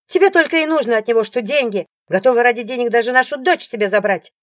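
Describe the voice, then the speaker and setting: A woman voicing a rude, bossy young wife who yells in a loud, shrill voice, in an audiobook. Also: big pitch swings, drawn-out words, breathy edge, no echo, clean studio sound, exaggerated voice. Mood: shrieking, furious. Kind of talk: audiobook character voice.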